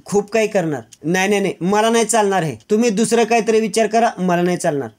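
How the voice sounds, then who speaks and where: A jealous young wife, her voice lifted high and bright, as a man plays her. She scolds and pleads in quick questions, sharp-tongued and hurt. A serial scene is retold by one narrator. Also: close to an everyday voice. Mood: upset.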